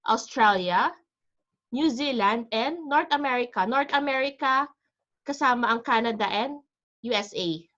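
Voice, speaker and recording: A woman's voice: fairly high pitch, unhurried, fairly bright tone. Filipino woman teaching an online class. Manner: chatty, mixes Tagalog and English, asks "di ba?". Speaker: IELTS teacher. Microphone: video call. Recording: lo-fi video call audio.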